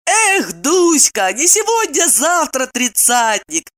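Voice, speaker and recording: A woman's voice: sits high, big pitch swings, a bit bright, voice pushed up, full character voice. A woman reading an audiobook, voicing a blunt, touchy woman of about thirty. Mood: wistful. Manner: blunt, quick to take offence.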